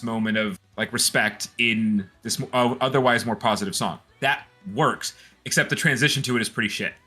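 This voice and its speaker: A man co-hosting a casual chat, excitable and rambling, with frequent restarts. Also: medium pitch, slightly rough. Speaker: podcast co-host.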